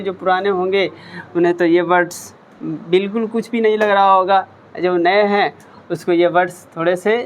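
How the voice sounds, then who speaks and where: A man teaching English at a whiteboard, repeating each word and asking then answering his own questions. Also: sits high. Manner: patient, encouraging learners. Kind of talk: whiteboard lesson explanation.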